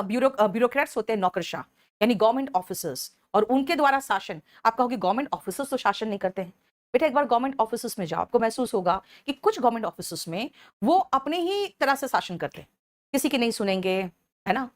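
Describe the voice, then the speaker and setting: In an animated exam-prep lesson on vocabulary, a female teacher with a somewhat high voice dictates English definitions at a slower pace, calling her students "beta."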